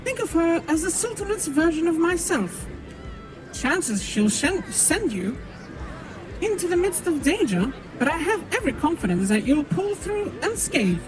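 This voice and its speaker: A man reading a game's quest-giver lines through a slightly robotic voice changer, in a measured, polite manner. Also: very high voice, sing-song, music in the background, pitched above the performer's own voice, exaggerated voice, poor audio. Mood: courteous. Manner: measured, polite formal delivery. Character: gracious female quest-giver, a guild proprietress. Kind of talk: reading game dialogue aloud.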